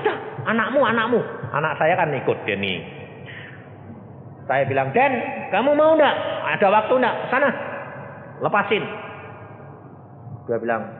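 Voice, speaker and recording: A man's voice: mid-range voice, a little hiss or hum. A male evangelist preaching a sermon. He tells stories, acts out the voices in them, and asks the congregation questions. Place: church hall. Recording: echoey hall, phone-like thin sound.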